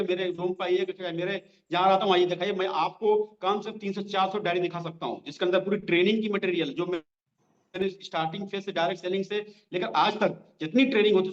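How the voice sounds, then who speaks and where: A high-voiced man leads a direct selling training lesson, speaking conversationally straight to his audience. He says each line slowly and repeats it so they can take notes. The recording is dull and lo-fi.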